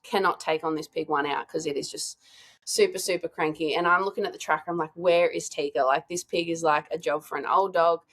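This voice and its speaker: A woman guest telling a lively hunting story in a casual, chatty way. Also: deep voice, brisk. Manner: chatty, animated, lots of "like" and laughter.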